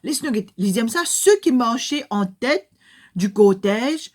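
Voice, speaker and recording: An older woman with a Mauritian Creole accent tells a Bible story to children in a husky, fairly high voice. She is animated, dropping into hushed, whispery asides and then rising to loud calls. Her delivery is that of a children's Bible lesson. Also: measured pace.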